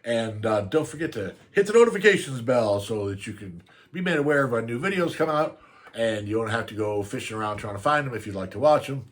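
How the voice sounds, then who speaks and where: A man's voice: mid-range voice, expressive, a little fast. An older man telling a story on his channel in a casual, rambling way, often laughing as he goes. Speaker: vlogger.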